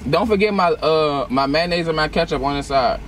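A man's voice: a little high, a little fast, a bit bright. A young adult man chatting casually and rambling in slang as a prankster customer at a drive-through, recorded inside a car. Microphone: handheld camera in the car. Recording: noisy car interior.

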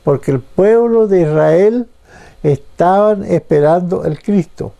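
A man preaching a radio sermon, telling a Bible story slowly and haltingly. His voice is very dark, with a gravelly fry, sitting a little above the usual pitch. He keeps repeating words as he feels his way forward. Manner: halting, repeats words, acts out the quoted speakers in a higher voice. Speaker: pastor.

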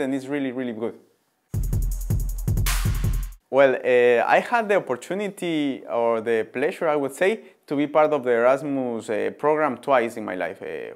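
Man in his twenties, Ecuadorian Spanish accent, thoughtful, pauses with fillers, studio interview. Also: medium pitch. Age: 20s. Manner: thoughtful, hesitant with frequent fillers. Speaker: interviewed student. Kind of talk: answering interview questions. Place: indoor studio before a printed backdrop.

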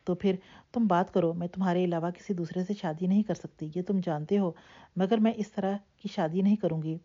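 A woman narrator voicing a young woman who speaks calmly and firmly to her family, on a dull lo-fi recording. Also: fairly low pitch, slightly rough. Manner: calm, firm, then helpless.

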